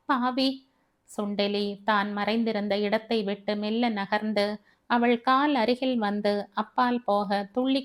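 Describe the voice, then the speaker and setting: A woman reading a family novel aloud as an audiobook narrator, telling it dramatically. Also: medium pitch. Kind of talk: scripted story narration.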